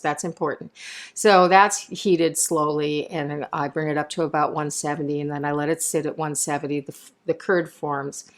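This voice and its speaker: A woman chef giving a chatty cooking demonstration in a home kitchen, explaining each step and wandering into side notes. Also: low voice.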